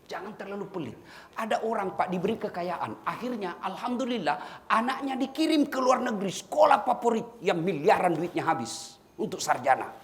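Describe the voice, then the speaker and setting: In a high voice, a middle-aged man gives a lighthearted sermon in Makassar Indonesian, telling stories and calling his listeners "Pak." A slight hiss or hum runs under the recording.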